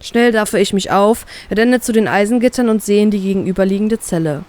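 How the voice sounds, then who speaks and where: A woman reading a first-person fan fiction story aloud, expressive and giving the characters' lines their own colour. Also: medium pitch, brisk.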